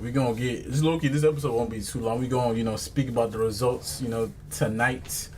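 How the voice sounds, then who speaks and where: A man's voice: medium pitch, steady tone, quick pace. A man hosting a casual football podcast, bantering in heavy urban slang. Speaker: podcast host. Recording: noisy background.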